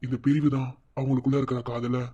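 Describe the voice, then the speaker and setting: A man with a Madurai Tamil accent voicing a young husband in a cartoon, who soothes his wife and his mother in a soft, reassuring way. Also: medium pitch, flat delivery, fast, breathy edge, muffled recording, close to an everyday voice. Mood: soothing. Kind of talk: cartoon voice acting.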